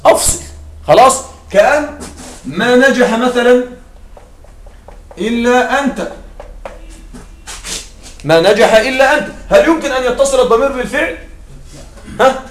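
High-voiced man teaching grammar in an echoey classroom. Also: fairly bright tone. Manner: keeps checking in with students with short questions; repeats and spells out example phrases slowly. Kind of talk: classroom lecture. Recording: echoey room with faint noise.

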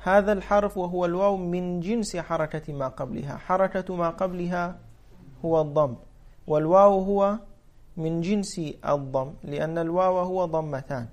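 A man with a voice a touch higher than most teaches a classical grammar lesson. He moves step by step, restating each point in new words. He often puts a question to his students and answers it himself. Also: normal speed, dull audio. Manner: repeats phrases and restates them for clarity. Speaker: teacher of Arabic morphology.

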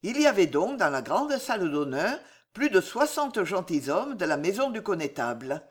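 A woman narrating a historical novel in an audiobook, in a measured, expressive manner. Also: on the low side, husky.

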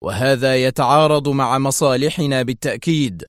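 A man's voice: a little high, brisk, dry recording, studio quality, voice pushed up, lightly acted. A man voicing a tense, fierce male intelligence officer who speaks with agitated, commanding harshness. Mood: menacing.

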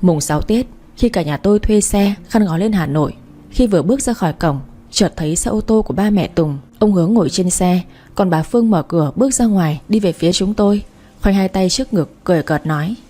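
A woman's voice: medium pitch, expressive, brisk, dark tone. A woman narrating a story in the first person, in a sardonic, matter-of-fact manner. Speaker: audiobook narrator.

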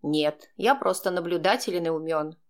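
A woman's voice: lowish voice, pitched below the performer's own voice, close to an everyday voice. Woman putting on a smug sneering blackmailer man. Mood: mocking. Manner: slow, sneering, coldly composed. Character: smug manipulative blackmailing man, calm and mocking.

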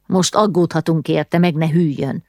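A woman's voice: deep voice, steady tone, a little mellow, dry recording, studio quality. Woman doing a fussing old cook. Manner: grumbling, fussing. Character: fussing old female cook, motherly and scolding.

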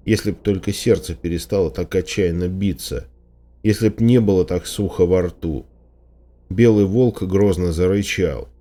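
A man reading a first-person story aloud as an audiobook narrator, steady and dramatic. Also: sits low. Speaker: audiobook reader.

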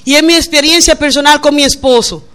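A middle-aged woman pastor preaching a lively sermon, acting out little quotes along the way. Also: high voice, fairly quick. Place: church.

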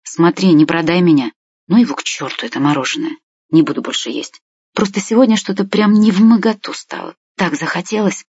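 A storyteller voicing a tired, gentle old grandfather who keeps sighing, in a husky, slightly dull recording. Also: medium pitch, brisk, dry recording. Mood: weary. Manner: weary, sighing.

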